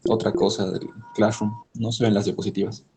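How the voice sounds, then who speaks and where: A man's voice: lowish voice, level tone, brisk, over music. A man, a student, politely interrupting the lecturer on a video call. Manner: polite, apologetic. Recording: noisy call audio.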